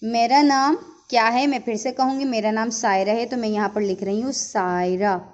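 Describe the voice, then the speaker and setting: A woman's voice: on the high side, steady tone, lo-fi sound. Patient woman teaching young children. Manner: patient, slow teacher talk with repeated checks. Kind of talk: online Urdu lesson for young children.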